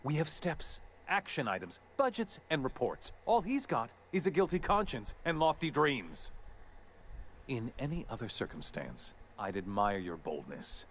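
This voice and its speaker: Pompous corporate villain. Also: male voice, medium pitch, sing-song, a little slow, a bit bright, a little hiss or hum. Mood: contemptuous. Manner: haughty, contemptuous, cold threats. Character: pompous corporate executive villain, middle-aged man. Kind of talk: video game voice acting.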